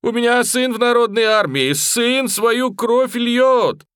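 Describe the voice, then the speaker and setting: A man reading an audiobook, voicing a pious, desperate peasant who cries out loud. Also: extremely high pitch, slow, clear, resonant tone, dry recording, studio quality, pitched above the performer's own voice, heavily acted. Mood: wailing.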